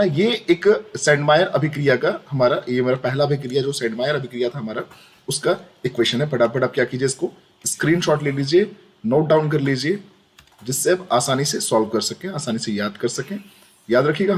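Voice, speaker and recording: Young male chemistry tutor, chatty and repetitive, fairly high voice. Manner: chatty, repeats questions to students, frequent "dekhiye". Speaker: chemistry teacher. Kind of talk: screen-recorded lesson.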